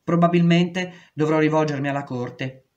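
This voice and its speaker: A woman reading aloud, voicing a calm, practical lawyer who reassures her client. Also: sits low, moderate pace, muffled recording, natural voice. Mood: reassuring. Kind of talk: audiobook reading.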